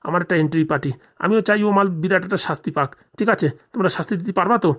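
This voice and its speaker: A high-pitched man with a fairly bright tone talks at a racing clip, voicing a cartoon comedy character: an indignant, scheming villager of forty who has been jilted by his wife. He grumbles and swears in rustic, colloquial speech.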